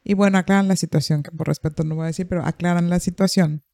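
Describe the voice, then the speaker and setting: A woman's voice: lowish voice, fairly even intonation, fast, gravelly, warm tone, dry recording, clean studio sound. A woman, a therapist hosting a podcast, telling a story in conversation and acting out the quoted dialogue.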